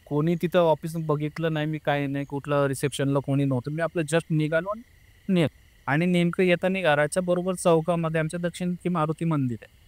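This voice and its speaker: A man's voice: on the high side, fairly even intonation, fairly quick. A young man earnestly telling a personal story in a casual interview, acting out what his family said. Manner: earnest, emotional, re-enacts family members' words.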